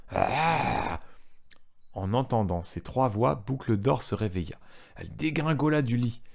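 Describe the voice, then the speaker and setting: A man's voice: medium pitch, animated, normal speed, vocal fry, darkish tone. A man reading a storybook aloud to a child, stopping to retell parts in plain words and ask the child questions.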